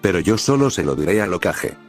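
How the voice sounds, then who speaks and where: A man's voice: low voice, very animated, brisk, soft background music. A man reading as a proud teen ninja boy. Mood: firm.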